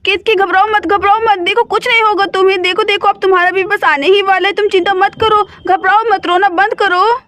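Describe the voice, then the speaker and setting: A woman voicing an older village midwife aunt who calms the patient and gives orders in a doll-play story. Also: extremely high pitch, fairly quick, few pauses. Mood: firm calm. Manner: soothing and commanding.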